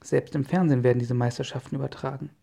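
A man reading the lines of a hearty, hurried inventor professor in a children's audio story. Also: mid-range voice, steady tone, vocal fry, mellow. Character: excitable inventor professor, middle-aged man.

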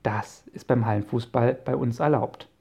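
Man doing a cheeky teen boy, a bit louder, dark gravelly voice. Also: mid-range voice, normal speed. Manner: protesting, cheeky. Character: cheeky grinning teenage boy. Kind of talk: audiobook character voice.

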